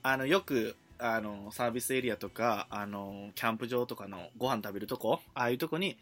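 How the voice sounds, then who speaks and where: A man, co-hosting a casual chat, lively and joking. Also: medium pitch, fairly quick, soft background music. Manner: lively, joking, laughs often. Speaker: podcast co-host.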